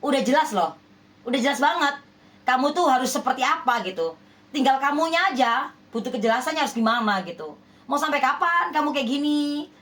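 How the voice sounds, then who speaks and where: Woman, high voice, spiritual reader; speaks to the viewer with emphasis, scolding and persuasive. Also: expressive, fairly quick, a bit bright. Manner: emphatic, repeats rhetorical questions like "ya kan?". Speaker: spiritual healer giving love readings. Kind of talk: direct address to viewers, relationship reading.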